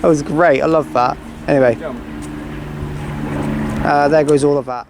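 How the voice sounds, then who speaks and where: A man's voice: on the high side, fairly even intonation, measured pace. A man giving chatty, casual running commentary outdoors on a railway platform, reeling off train numbers. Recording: outdoor platform with clear background noise. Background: passing trains, outdoor ambience.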